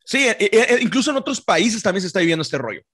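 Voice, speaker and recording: A man's voice: high-pitched, very animated, fast, crowd noise. A man with a northern Mexican accent chatting casually as a podcast co-host in slangy frat-bro talk. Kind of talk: casual chat.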